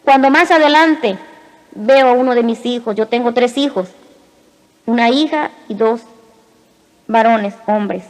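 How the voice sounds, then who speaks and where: High-voiced woman giving an emotional testimony. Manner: emotional, with short phrases and dramatic pauses. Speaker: testimony speaker. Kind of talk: spoken religious testimony. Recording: reverberant hall.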